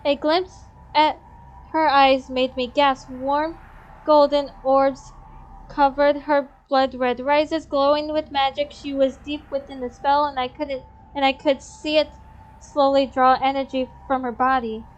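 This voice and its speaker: A young woman reading a visual novel aloud as a game streamer, expressive, with blunt swearing asides. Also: high-pitched, measured pace, dull audio.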